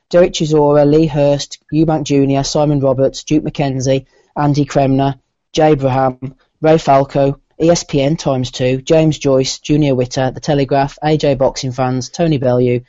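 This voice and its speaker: A man hosting a casual group chat, briskly running through a list and calling on each guest. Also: medium pitch, flat delivery, warm tone, no echo, dull audio. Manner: brisk, runs the round of votes. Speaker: podcast host.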